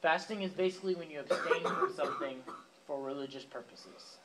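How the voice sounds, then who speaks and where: A man's voice: on the high side, expressive, brisk, heavy background noise. Casual young man preaching to teens. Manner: casual, talks directly to teens with fillers and asides. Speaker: youth pastor. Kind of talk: youth sermon. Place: church youth room, with a live audience.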